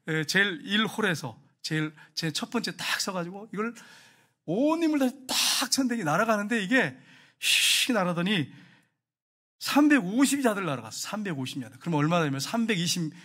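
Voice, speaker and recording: A male pastor preaching with a high voice and rapid delivery. He tells his stories animatedly and keeps turning to address the congregation directly. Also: bright, forceful tone. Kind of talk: sermon.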